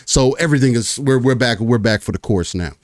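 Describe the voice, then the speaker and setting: Rambling through a laid-back gaming podcast, a male host fills his talk with fillers and restarts. His medium-pitched voice is expressive and brisk, and the recording is dry, clean studio sound.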